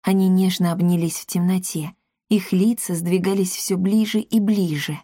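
Woman reading a kids story aloud, expressive, dry mic. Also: fairly low pitch, moderate pace, no echo. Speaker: narrator.

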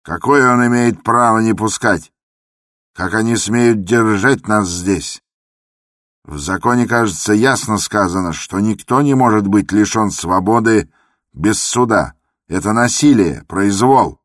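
A man voicing a frantic, furious male asylum patient who shouts hoarsely, in a radio drama. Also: low-pitched, very animated, slow pace, no echo, clean studio sound, full character voice. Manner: shouting, raging.

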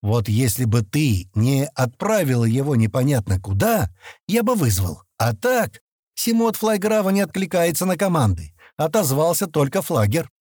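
An impatient, grumbling young spaceman in an audiobook, voiced by the male narrator. The voice stays close to the narrator's own, a touch higher, with lively, exasperated swings. A slightly husky tone in dry, close sound. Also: moderate pace, no echo. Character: gruff young man, impatient, grumbling leader.

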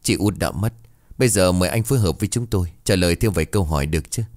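A man voicing a calm, formal police officer who speaks politely in a storybook tale. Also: sits low, very fast, no room sound, studio quality, natural voice.

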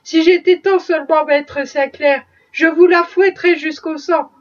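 A woman's voice: very high-pitched, steady tone, unhurried. A woman reading aloud, voicing an indignant, outspoken young housemaid. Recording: dull distant recording.

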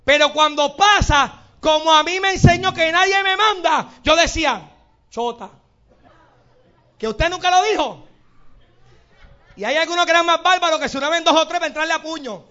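Puerto rican preacher guy, super high-pitched voice, acts out scenes and shouts, kinda dull lo-fi sound. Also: fairly quick. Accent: Puerto Rican Spanish. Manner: animated preaching with acted-out quotes and sudden shouts. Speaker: pastor. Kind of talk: sermon.

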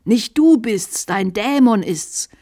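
Old bishop in a radio story, trembling and shrill, slow and loud; a female reader puts him on. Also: close to an everyday voice. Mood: shrieking. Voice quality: trembling old voice, shrieking high. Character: old male bishop, fanatical, fearful, shrill.

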